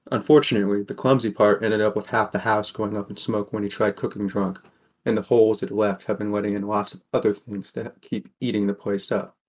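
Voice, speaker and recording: A man voices a low-toned, wry sixteen-year-old boy narrating in first person for scripted audio fiction. The character comes across as burdened yet caring.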